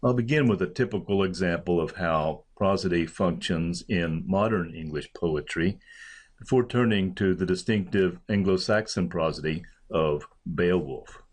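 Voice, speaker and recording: Male lecturer, low voice, measured academic delivery with slow deliberate verse readings. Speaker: literature professor. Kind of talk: recorded lecture.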